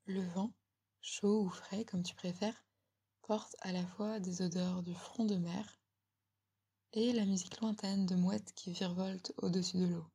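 A woman giving a slow, soothing guided relaxation in a breathy ASMR whisper, very close, as if right in the listener's ear. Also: mid-range voice, fairly even intonation. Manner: slow, soothing, gently instructing.

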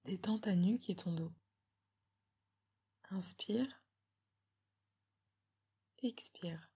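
A woman giving a slow, soothing guided relaxation in a breathy ASMR whisper, very close, as if right in the listener's ear. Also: mid-range voice. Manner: slow, soothing, gently instructing.

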